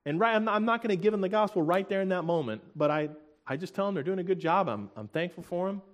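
A man's voice: sits high, expressive. Earnest man preaching a sermon. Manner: earnest, emotional, halting with restarts and soft laughs.

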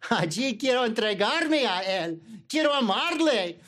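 A man's voice: extremely high pitch, animated, takes it slowly, fairly bright tone. Emphatic male preacher, stacked phrases. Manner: emphatic, building repeated parallel phrases; self-correcting mid-word. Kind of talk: Sunday sermon.

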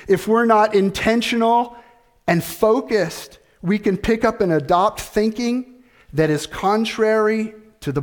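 A middle-aged man, a pastor, gives a sermon at a measured, unhurried pace, using rhetorical questions and phrases he repeats. For a male voice, his pitch runs a bit high.

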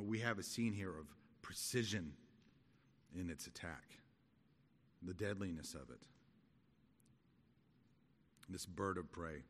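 Low-voiced man teaching in an echoey hall. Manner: halting, conversational, explanatory. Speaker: Bible teacher. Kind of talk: expository Bible study sermon. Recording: echoey hall with long reverb.

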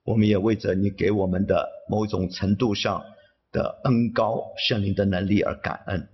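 A man interpreting a sermon phrase by phrase, somewhat halting. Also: lowish voice, fairly even intonation, slightly rough, dull audio.

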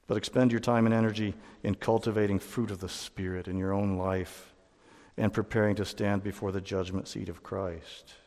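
A man preaching a sermon as pastor, speaking emphatically and climbing to loud peaks. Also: on the low side, flat delivery, normal speed, in a large hall. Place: church sanctuary.

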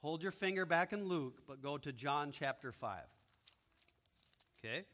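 A man preaching an expository sermon as a pastor, moving from quiet explanation to loud, emphatic proclamation. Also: on the high side, lively intonation, unhurried. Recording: long reverb of a large hall.

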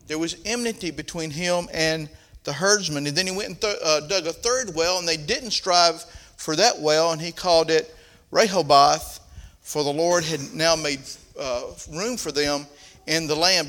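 A man's voice: high-pitched, sharp tone. An older man with a Southern accent preaching a sermon in a folksy style, reading scripture and rising into emphatic points. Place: church platform, roomy.

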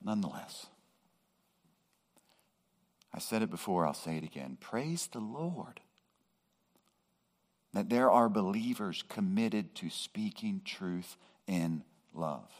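A man with a low, deep voice delivers a sermon at an unhurried, deliberate pace. He speaks in measured phrases and now and then builds to emphatic, raised peaks as he appeals to his congregation. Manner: slow, measured preaching that rises to emphatic peaks. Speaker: pastor.

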